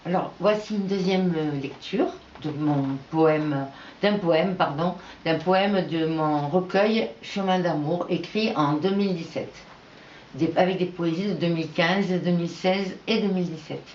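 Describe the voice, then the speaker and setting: A woman reading her own poetry aloud in an unhurried, measured recitation with pauses between verses. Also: lowish voice, a little mellow, slight background noise. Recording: echoey, dull lo-fi room recording.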